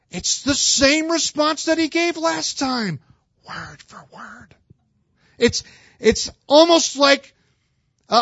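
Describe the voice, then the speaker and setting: A man's voice: high voice, fairly bright tone, no room sound. A man preaching a sermon as a pastor, earnest and emphatic, often restarting his words. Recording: slightly dull, dry recording.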